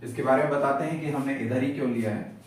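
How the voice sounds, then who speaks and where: A man's voice: medium pitch, fairly even intonation, fast talker. A man teaching maths as a lecture, patient and methodical, explaining each step and repeating key terms. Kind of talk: classroom lecture at a board. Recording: echoey room from far off, faint hiss.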